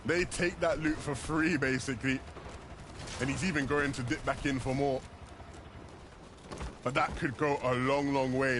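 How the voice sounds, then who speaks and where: A man giving live esports analysis in flowing sentences that stress what is at stake. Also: mid-range voice. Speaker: esports caster. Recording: game gunfire noise behind. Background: video game gunfire and ambience.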